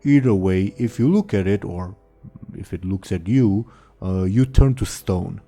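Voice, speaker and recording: A man voicing a big, dim, childlike ogre for a tabletop game, in dopey, halting broken speech. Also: sits low, warm tone, faint music behind. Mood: dim, insistent. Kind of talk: in-character tabletop role-play.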